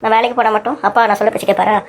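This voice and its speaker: A woman's voice: fairly high pitch, little pitch movement, very fast, vocal fry, a little hiss or hum. A woman voicing a tearful, pleading young woman who wants to keep studying, in a cartoon story.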